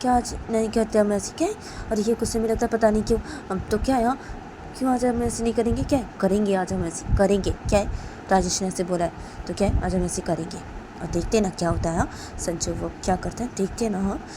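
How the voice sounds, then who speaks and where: A woman's voice: mid-range voice, fairly even intonation, fast, pitched above the performer's own voice, lightly acted. A woman voicing a gossipy young female friend who rambles in a conspiratorial way. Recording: noisy background with passing vehicles.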